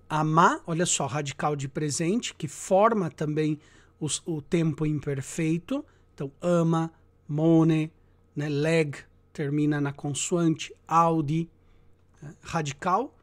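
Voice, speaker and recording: A man teaching Latin grammar in a lecture, explaining slowly and checking in with his students, and chanting verb endings. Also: on the high side, darkish tone. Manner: slow and deliberate, checks in with "tá?" and "né?".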